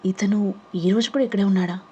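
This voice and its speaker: A woman's voice: mid-range voice, fairly even intonation, brisk, dark tone, breathy edge, muffled recording, natural voice. A loyal young woman asks anxious questions about her friend, as a woman reads her part. Her worry carries through each line. An audio novel reading. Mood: worried.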